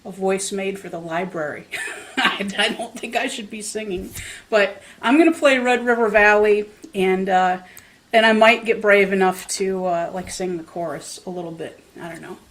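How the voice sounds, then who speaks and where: A woman who plays the dulcimer chats casually about a local jam, with plenty of fillers and self-deprecating humor. Her mid-range voice is a bit bright, moving at a moderate pace, recorded on a home setup as she plays in her room.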